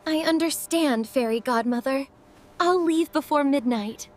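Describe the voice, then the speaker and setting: A woman voicing a gentle, hopeful young Cinderella who speaks in a soft, earnest, pleading storybook manner, with music playing behind. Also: high voice, unhurried. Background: orchestral music.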